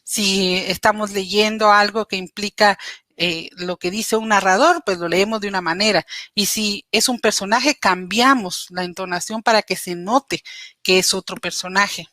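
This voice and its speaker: A woman's voice: mid-range voice, fairly even intonation, measured pace, bright, forceful tone, no room sound. A woman giving a patient, explanatory slide lecture on teaching reading, speaking straight to her listeners with small hesitations. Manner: patient, explanatory, addresses listeners directly with frequent "eh" fillers. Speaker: literacy educator presenting. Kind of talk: recorded slide presentation lecture.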